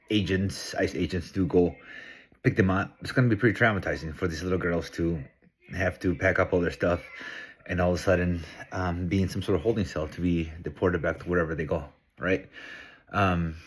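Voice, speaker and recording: A middle-aged man from Peru, talking to camera in a casual, earnest, reflective monologue. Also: sits low. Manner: earnest, reflective, thinking aloud. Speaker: vlogger.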